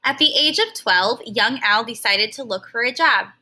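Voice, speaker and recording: Like a teacher, this woman reads a children's story aloud with expression, now and then pausing to put words into simple terms. Her voice sits on the high side, and she keeps a moderate pace.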